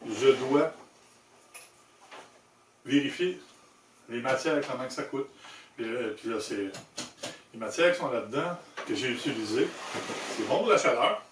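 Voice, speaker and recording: A man with a Québécois French accent giving an informal hands-on product demonstration, explaining in a halting way with self-corrections. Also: mid-range voice. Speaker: presenter demonstrating motorcycle gear he designed. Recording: echoey room, distant mic, handling noise.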